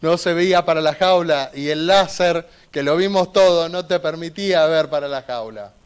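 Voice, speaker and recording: A man's voice: a little high, moderate pace, clear, resonant tone. A man, a defense lawyer giving an emphatic, argumentative closing argument in a courtroom, repeating points for emphasis.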